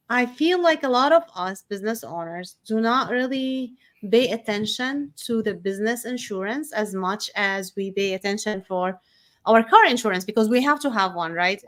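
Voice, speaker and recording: A woman's voice: a little high, a bit bright. A woman hosting a podcast, upbeat and chatty, laughing easily with her guest. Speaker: podcast host. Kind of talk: casual interview conversation.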